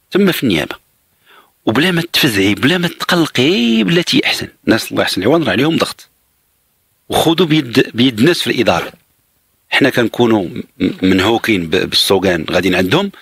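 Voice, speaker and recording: Fast, lively Moroccan man giving advice. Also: mid-range voice, creaky, slightly rough, no room sound, clean studio sound. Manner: reassuring, explanatory, patient. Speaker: radio advice host. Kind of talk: radio call-in advice.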